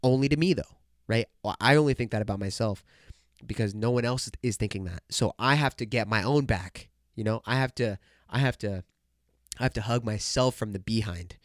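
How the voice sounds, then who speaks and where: Fairly low in pitch and slightly fast, a young man's congested, nasal voice betrays a cold as he hosts a casual solo podcast rant. He's hyped and jokey, throwing around "bro" and "dude." It's recorded at studio quality without room sound.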